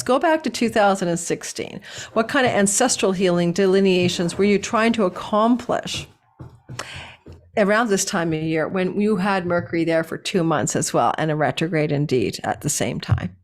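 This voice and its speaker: A woman with a hoarse, somewhat low voice reads horoscopes casually and digressively as the host. The setting is indoors at a relative's house, and she sometimes laughs at herself.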